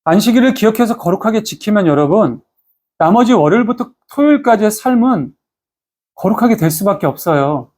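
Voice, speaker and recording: A man's voice: high voice, lively intonation, fairly quick, a little mellow. A male pastor giving a Sunday sermon in a conversational, storytelling way, often turning to address the congregation. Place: church.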